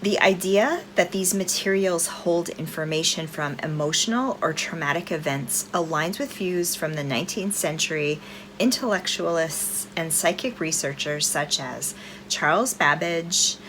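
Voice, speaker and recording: A woman's voice: fairly low pitch, a little slow, rough recording. A woman hosting a film review vlog, chatting informally and enthusiastically to her viewers, with a fan running behind her. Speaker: host of a horror film review channel. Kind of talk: casual chat to viewers. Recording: steady fan noise behind the voice.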